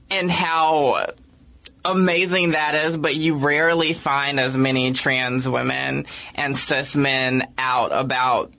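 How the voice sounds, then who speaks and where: A woman speaking as a podcast guest in a casual discussion, earnest and measured, often checking in with "right?". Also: low voice, a bit bright. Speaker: podcast guest, activist and writer.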